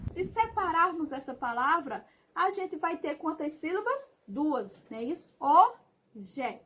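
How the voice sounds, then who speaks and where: A woman with an extremely high, slightly bright voice teaches Portuguese grammar in a video. She asks questions and answers them herself, ends phrases with a checking "tá?", and says example words slowly and clearly.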